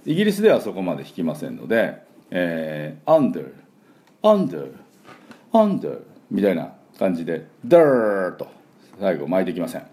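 A man teaching English pronunciation in a spoken lesson, demonstrating sounds and drilling words slowly for the listener to repeat. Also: sits low, wildly swooping pitch, dark tone.

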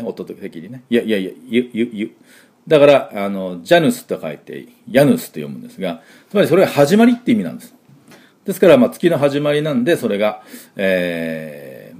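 Casting: man, low voice with a bouncy, lively pitch, a chatty teacher who stops often to sound out words. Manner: chatty, full of fillers, sounds out words slowly. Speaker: English teacher. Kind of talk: explanatory lesson.

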